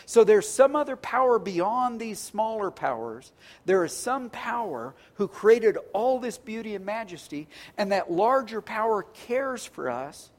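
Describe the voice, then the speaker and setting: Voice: mid-range voice, animated, unhurried. A pastor preaching a sermon in a conversational, earnest way, often restarting words and stacking phrases into lists.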